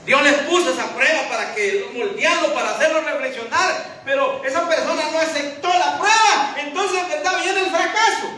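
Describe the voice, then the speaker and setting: A man's voice: extremely high pitch, moderate pace, few pauses, pushed and bright, recorded from a distance. A man preaching a sermon as pastor, emphatic and full of rhetorical questions. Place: church hall. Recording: echoey church hall from afar, faint hiss.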